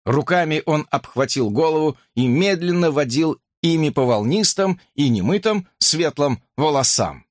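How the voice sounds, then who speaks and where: A man narrating an audiobook in an expressive storytelling read. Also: on the high side, normal speed, few pauses, no echo, clean studio sound. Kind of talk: scripted narration.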